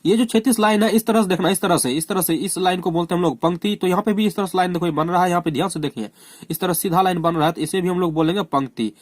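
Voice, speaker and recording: Teaching math at a board, this Indian man speaks fast in a high-sitting voice, captured as a dry, studio-quality recording. Terms get repeated, and he often urges the class to look closely.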